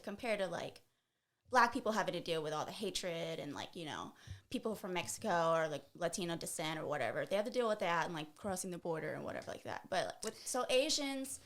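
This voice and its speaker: A woman's voice: fairly low pitch, fairly bright tone. A woman guest on a casual podcast, chatting in a laid-back, giggly way with many fillers. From Dallas, USA.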